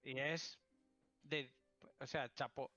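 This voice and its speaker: A man's voice: medium pitch, steady tone, slow, bright, forceful tone, muffled recording, faint music behind. A man with a Spain accent chatting casually as a podcast panelist. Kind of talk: casual chat.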